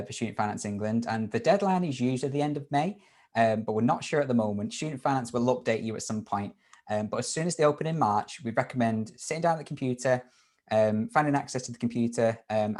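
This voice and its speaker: A man with a lowish, slightly mellow voice hosts a live university webinar Q&A over a video call. He's upbeat and informal, using lots of fillers and restarts.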